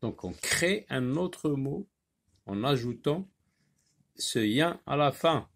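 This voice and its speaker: A man teaches a reading lesson at an unhurried pace, breaking words into syllables and naming each letter. His voice sits at a middle pitch for a man, and he speaks with care. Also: expressive, gravelly. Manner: slow, deliberate, spells out letters and syllables.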